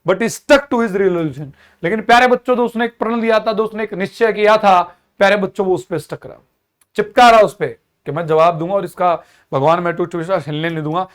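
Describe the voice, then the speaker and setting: A young man with a fairly high voice teaches an exam-prep lesson. He mixes Hindi with English and slips into acted-out character voices to keep the class engaged. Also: fairly even intonation, fast talker. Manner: explains in Hindi mixed with English, acts out characters.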